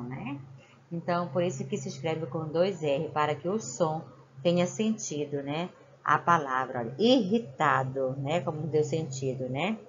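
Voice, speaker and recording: A woman's voice: lowish voice, dull audio, noisy background. A woman teacher with a Brazilian Portuguese accent, patiently walking young children through a worksheet and checking in with "né?" after each point. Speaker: primary school teacher. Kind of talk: remote lesson explaining a worksheet.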